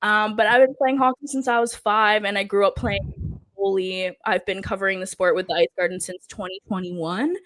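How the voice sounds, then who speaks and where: A woman's voice: mid-range voice, steady tone, normal speed, a bit bright. Woman host losing her voice. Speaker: podcast host. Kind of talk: casual podcast chat.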